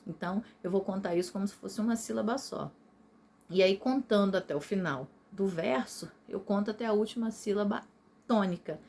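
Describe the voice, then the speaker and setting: A woman's voice: mid-range voice, a little fast, a little mellow. Patient Brazilian woman teaching a video lesson. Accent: Brazilian Portuguese. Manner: patient, explanatory, often checks in with "tá?".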